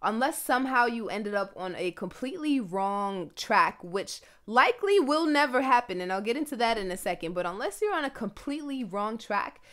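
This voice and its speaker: A young woman hosts a motivational podcast in an earnest, encouraging manner. She is pregnant and audibly a little short of breath, and she slows down to lean on her key phrases. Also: fairly high pitch, lively intonation, fairly bright tone. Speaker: podcast host.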